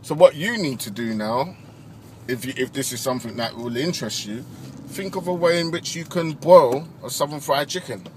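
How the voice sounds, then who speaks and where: A man's voice: medium pitch, lively intonation, normal speed, darkish tone, slight background noise. A man driving a car, chatting and teasing his passenger with mock-serious questions. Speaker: comedy host, driver. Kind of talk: casual comedic chat. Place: inside a car in city traffic.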